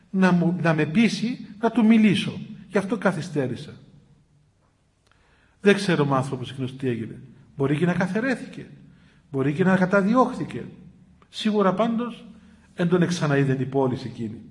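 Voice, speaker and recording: A male Orthodox priest recounts a story to listeners in a conversational, animated manner. His voice sits a little high, climbs when excited and sinks low when sombre, and he fills pauses with frequent hesitations. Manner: conversational, animated retelling with many fillers. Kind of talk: storytelling talk.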